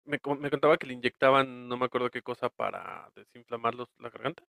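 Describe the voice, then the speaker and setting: A man's voice: medium pitch, fairly even intonation, fast, gravelly, fairly bright tone, dry recording, studio quality. A man with a Mexican accent co-hosting a podcast, chatting casually, laughing often and trailing off mid-thought. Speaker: podcast co-host. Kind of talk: casual chat.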